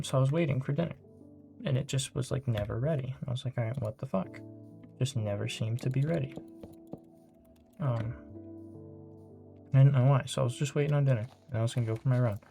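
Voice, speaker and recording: A teenage boy venting in a personal vlog, rambling and frustrated, swearing often and trailing off softly at times. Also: medium pitch, normal speed, gravelly, pauses often, faint music behind. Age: teens. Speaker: vlogger.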